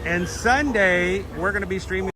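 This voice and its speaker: A man's voice: high-pitched, moderate pace, poor audio. A man hosting a livestream, chatting casually to his viewers. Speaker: livestream host. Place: outdoor theme park. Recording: loud outdoor crowd and vehicle noise. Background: crowd, vehicles.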